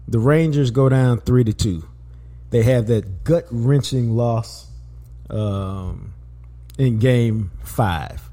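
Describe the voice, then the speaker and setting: A man with a drawl hosts a sports podcast, his voice warm and relaxed in tone. He talks in a loose, slangy way, hammering points home by repeating words. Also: mid-range voice. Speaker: podcast host. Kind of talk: casual sports talk.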